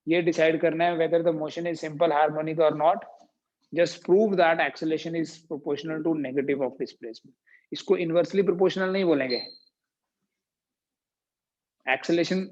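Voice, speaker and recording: A man's voice: a little high, a little mellow. A man with an Indian accent teaching physics in a classroom, mixing Hindi and English and putting questions to his students before answering them. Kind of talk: classroom lecture. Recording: dull lo-fi classroom audio.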